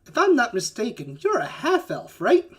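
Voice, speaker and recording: A woman voicing a jovial, eccentric male cloud giant wizard who booms loudly but sits a little higher than expected, and who cackles and mutters to himself. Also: wildly swooping pitch, moderate pace. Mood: excited.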